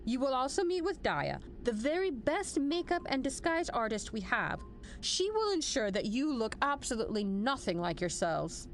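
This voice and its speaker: Her voice sits high and very animated at a moderate pace as she acts the part of a stern, commanding general in an audio drama, with slight background noise present. The briefing is formal and authoritative, measured in mood, with a dry, wry edge.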